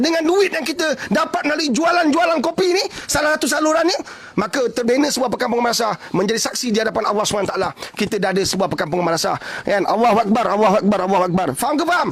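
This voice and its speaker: Brief: Malaysian preacher, male, very high husky voice, dry close sound, keeps firing rhetorical questions. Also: fast, no echo. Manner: animated, repeats rhetorical questions like "understand or understand?"; folksy, blunt, joking asides. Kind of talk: casual preaching talk.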